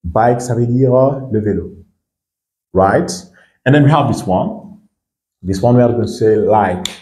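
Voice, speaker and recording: A man from Guinea, an English teacher, giving a bilingual lesson, repeating words slowly and often checking whether his students understand. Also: fairly low pitch, warm tone, roomy sound.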